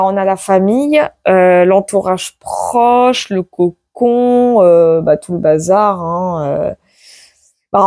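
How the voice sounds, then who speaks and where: A woman reading tarot cards aloud to her viewers in a casual chat, tagging her sentences with "hein" and bursting into loud exclamations. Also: mid-range voice, no echo, studio quality. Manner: excitable, exclaims loudly, many "hein" tags. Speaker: tarot card reader. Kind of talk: casual card-reading video.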